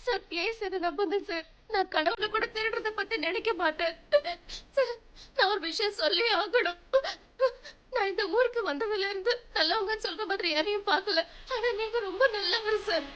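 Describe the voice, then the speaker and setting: A woman's voice: extremely high pitch, normal speed, fairly bright tone, dull audio, slight background noise. An actress dubbing a young woman wrongly accused of theft, crying and pleading through tears. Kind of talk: dubbed television serial acting. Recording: music score under dialogue.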